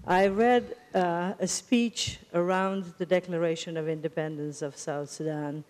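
A woman's voice: fairly low pitch, steady tone, measured pace, darkish tone. A woman in her fifties, a professor on a university panel, explaining her points emphatically into a handheld mic. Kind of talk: panel discussion remarks. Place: lecture hall stage panel. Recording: long hall reverb.

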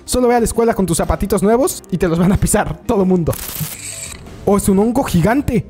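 Lively Mexican man reacting to clips. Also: high-pitched, faint music behind. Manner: animated, laughing often, quick exclamations. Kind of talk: casual reaction commentary. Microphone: desk microphone.

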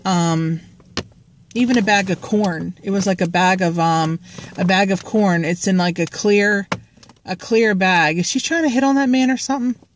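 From the driver's seat of a parked car, a vlogger talks into a phone held at arm's length, rambling with jokes and lots of fillers. Her medium-pitched voice runs at a normal speed, with a little hiss or hum.

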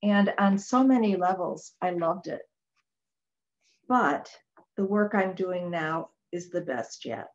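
Older nun reading her notes on a webcam, lowish voice, calm and steady. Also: slow, lo-fi sound. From Chicago, Illinois. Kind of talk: reading prepared remarks on a video call. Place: small home office with bookshelves. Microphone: webcam on a video call.

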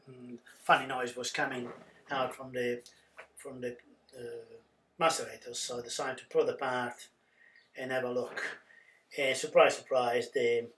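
Man narrating a boat refit, halting. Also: medium pitch, fairly bright tone. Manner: halting, many fillers and restarts. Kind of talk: casual voice-over narration.

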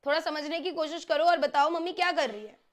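A young woman with a high voice gives a casual online class. She talks in a chatty, coaxing way and keeps asking her students whether they follow. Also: fast talker. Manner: chatty, coaxing, mixes Hindi with English. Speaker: teacher.

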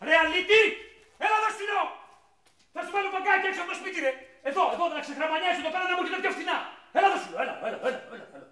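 A furious high-voiced dad. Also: male voice, lively intonation, full character voice. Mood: chasing. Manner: scolding, shouting, chasing. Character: exasperated middle-aged father, shouting over a phone bill. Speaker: actor in a TV comedy series. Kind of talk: sitcom acting.

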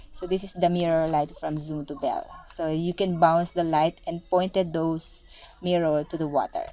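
A woman's voice: on the low side, warm tone. A woman giving a casual screen-share tutorial as a lighting designer, chatting and thinking aloud as she browses her files.

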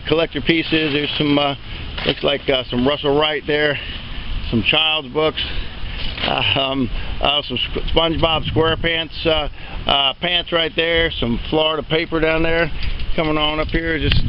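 Rambling and folksy, filling pauses often, a man leads an unscripted walk-and-talk preview at an open-air sale yard, listing items as an auctioneer. His voice is on the high side, and the muffled recording carries a little hiss or hum.

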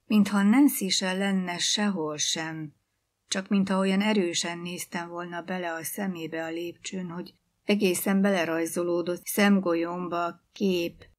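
Calm, lower-voiced woman narrator. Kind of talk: literary audiobook reading.

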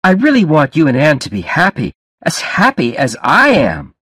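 A man doing a soft, creepy madman. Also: on the high side, huge pitch swings, normal speed, breathy edge, no room sound, studio quality, pitched above the performer's own voice, exaggerated voice. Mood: overfamiliar. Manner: soft, overfamiliar, insinuating. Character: unhinged, clingy young man, smiling madly.

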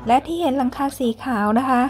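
A young woman with a high voice narrates a casual tour vlog at a quick pace while soft music plays behind her. As host and guide of an indoor football stadium museum, she stays polite and chatty, adds soft sentence-end particles often, and speaks Thai-accented English when she switches.

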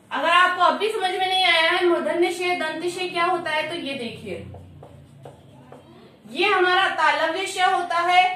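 High-voiced woman teaching in an echoey room. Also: sharp tone, slight background noise. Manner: repeats rules, asks and answers her own questions. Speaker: Hindi grammar teacher. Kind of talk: exam-prep grammar lesson. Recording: echoey room, far from the mic.

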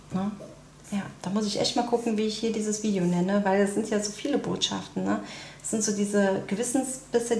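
A woman's voice: medium pitch, darkish tone, roomy sound, slight background noise. A woman giving a casual tarot card reading, talking chattily with many tag questions and fillers. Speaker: tarot reader.

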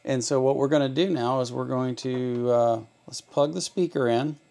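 In this hobby video, an electronics channel host demonstrates things hands-on in a casual way, answering his own questions as he explains. He speaks at medium pitch and a moderate pace with fairly even intonation and a darkish tone. A little hiss or hum sits under the audio.

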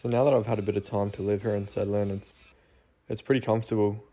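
Young Australian male vlogger, easygoing narration, low and dark-toned. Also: little pitch movement, fast talker. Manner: laid-back, self-deprecating. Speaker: home renovation vlogger. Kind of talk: casual voice-over walkthrough. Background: soft guitar music.

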